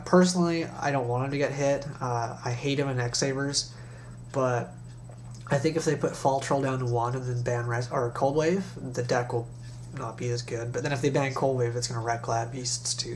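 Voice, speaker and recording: A young man with a stuffy, nasal voice from recent nose surgery, chatting casually and in slang as he hosts a deck review. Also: mid-range voice. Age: young adult. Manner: slangy, informal. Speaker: card game video host. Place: small bedroom, indoors. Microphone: webcam or laptop mic at desk distance. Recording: noisy webcam recording with hum.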